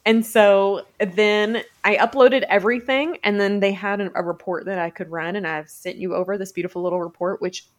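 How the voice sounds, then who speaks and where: A woman hosting a podcast, chatting casually and expressively, her voice jumping up in animated moments. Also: moderate pace, few pauses. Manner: animated, expressive, often leaps up in pitch. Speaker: podcast host.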